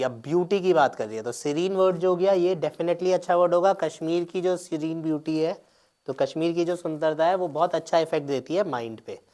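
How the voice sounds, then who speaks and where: A man's voice: fairly high pitch, darkish tone. Guy teacher going thru exam answers, hindi and mixed, keeps saying "right". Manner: explains step by step, mixing Hindi and English, with frequent check-ins. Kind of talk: exam paper explanation lecture.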